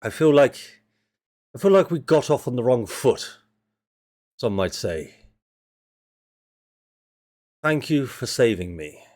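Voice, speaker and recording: A man voicing a haughty noblewoman who speaks in a measured, slightly aloof way. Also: mid-range voice, big pitch swings, a little mellow.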